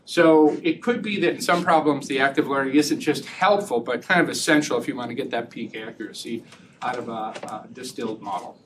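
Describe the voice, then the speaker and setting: A man giving an academic research talk and taking audience questions, chatty and relaxed, laughing easily and often restarting sentences. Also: mid-range voice, fairly quick. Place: lecture room. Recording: distant mic with faint room noise.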